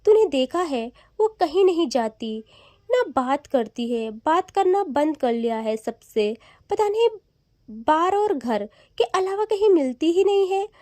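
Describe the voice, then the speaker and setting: A woman's voice: high-pitched, big pitch swings, unhurried, a little mellow, no room sound. A woman voicing a playful young woman who teases and pleads with her close friend, in a chatty, whiny way. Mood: pleading, teasing.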